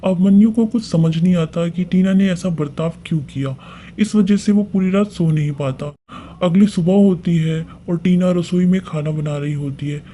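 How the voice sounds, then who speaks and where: A man narrating a story in a steady, plain way as storyteller. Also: high-pitched, normal speed, slight background noise.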